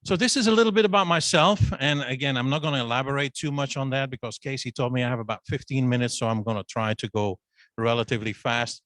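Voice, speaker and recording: Talking fast in a medium-pitched, fairly bright voice, a middle-aged Flemish dean from Belgium, a native Dutch speaker, gives a casual self-introduction to students at a meeting with a Zoom link. He is loose and conversational, with fillers and restarts. The handheld-mic recording is dry and rough.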